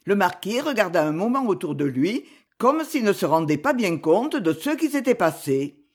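A man narrating a classic novel in measured, literary storytelling. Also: sits high, sing-song. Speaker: audiobook reader.

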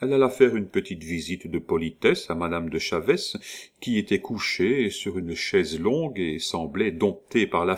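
A man narrating an audiobook, reading expressively with occasional hesitations. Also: low-pitched.

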